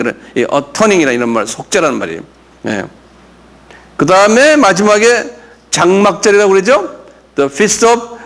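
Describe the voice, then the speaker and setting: Older man teaching slowly, lively high pitch. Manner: drills English terms, asks the class to repeat; explains slowly, with many fillers and questions to the class. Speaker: pastor teaching a Bible class. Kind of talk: classroom Bible lesson.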